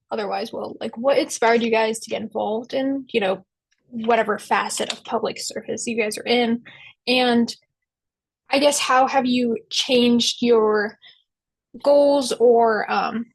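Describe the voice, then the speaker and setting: Husky young-sounding woman moderator. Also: fairly high pitch, dry recording, low-quality recording. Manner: friendly, hesitant, filler-heavy questions. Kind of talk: hosting a panel discussion.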